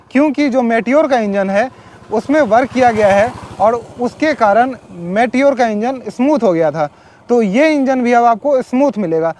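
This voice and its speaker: A man's voice: very high-pitched, a little mellow. A man giving a casual, conversational motorbike review outdoors, explaining features with frequent fillers. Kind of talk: casual product walkaround. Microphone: wireless or helmet mic.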